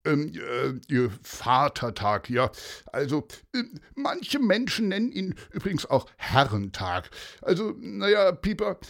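An actor playing a kindly police inspector who explains things hesitantly with many fillers. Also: male voice, a little high, very animated, unhurried, creaky, a bit bright, voice pushed up, full character voice. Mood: explaining.

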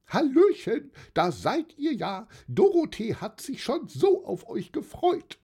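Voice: wildly swooping pitch, slow pace, mellow, breathy edge, full character voice. A narrator voicing a jolly, eager old lady calling out, in a storybook reading. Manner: shrill, eager calls.

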